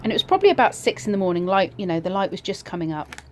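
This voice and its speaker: A woman casually telling a personal ghost story in a reflective, slightly hesitant way, pausing between short phrases. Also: mid-range voice, sing-song, darkish tone.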